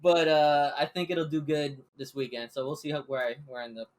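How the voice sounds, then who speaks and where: A man's voice: fairly high pitch, a little fast. Easygoing man recapping a tournament. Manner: easygoing, filler-heavy. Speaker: card game player. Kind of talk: casual podcast chat.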